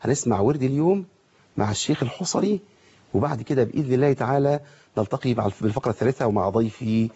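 A man with an Egyptian Arabic accent teaching Quran recitation, asking his viewers rhetorical questions and slowly sounding out examples. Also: medium pitch, warm tone, husky, highs cut off. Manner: asks rhetorical questions, demonstrates pronunciation slowly. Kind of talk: televised lesson.

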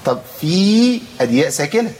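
A man with an Egyptian accent teaching Quran recitation rules. He explains quickly, then stretches syllables slowly to show each sound. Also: high-pitched, very animated, a little mellow, husky. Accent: Egyptian Arabic. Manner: explains briskly, then draws out sounds slowly to demonstrate them. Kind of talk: tajweed lesson.

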